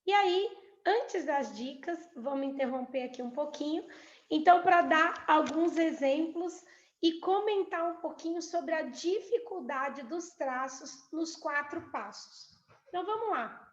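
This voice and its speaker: A woman's voice: high-pitched, lively intonation, measured pace. A Brazilian woman mentoring couples, explaining her points with acted everyday examples. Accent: Brazilian Portuguese. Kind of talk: teaching a couples workshop. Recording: echoey room, dull lo-fi sound.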